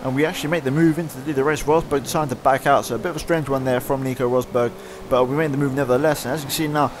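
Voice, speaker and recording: Fast-talking man calling a racing game. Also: medium pitch. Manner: fast excited play-by-play, winding down later. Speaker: gaming YouTuber. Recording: loud racing game engine noise behind.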